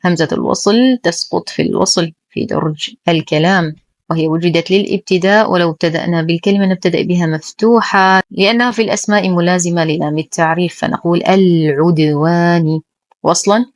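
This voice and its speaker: Woman, lower voice, patient recitation teacher who spells out each rule and intones examples slowly, dry close recording. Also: dry recording. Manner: careful, precise, slow drawn-out recitation of examples. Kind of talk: tajweed lesson, explaining then reciting slowly.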